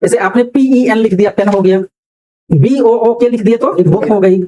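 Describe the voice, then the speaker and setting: A man's voice: high voice, moderate pace, dark tone, low-quality recording. A man teaching English pronunciation in a classroom, often asking the class questions and repeating their answers. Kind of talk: classroom lecture.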